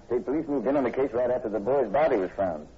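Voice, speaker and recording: In a 1940s radio horror drama, a male actor plays a skeptical state police sergeant, folksy and matter-of-fact. His voice is mid-range, husky and fast. The old radio recording is muffled and hissy.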